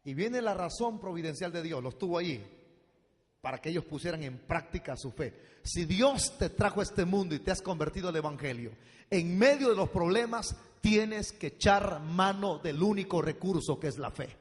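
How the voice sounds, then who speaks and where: High, lively-voiced preacher in a big hall. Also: male voice, normal speed. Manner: animated preaching, swings from low asides to loud shouts; addresses the congregation directly as brother and daughter. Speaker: pastor. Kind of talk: sermon. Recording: long hall reverb.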